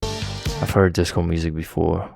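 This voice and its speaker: A man's voice: sits low, flat delivery, a little slow, vocal fry. A young man rambling casually as a music reaction host, talking with a slight lisp from his retainers and swearing often.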